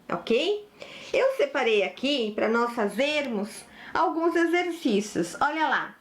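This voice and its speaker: A woman with a Brazilian Portuguese accent gives a spelling lesson in a high voice. She talks slowly and patiently, spelling out each rule step by step. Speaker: teacher. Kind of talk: slow, didactic spelling lesson.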